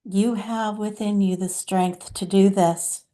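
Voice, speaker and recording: A patient, loving divine mother spirit, channeled by a woman, speaking in a very slow, unhurried way. Her voice is mellow and soft, and she addresses listeners tenderly as her children in a channeled spiritual message. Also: mid-range voice, fairly even intonation, lightly acted. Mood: compassionate.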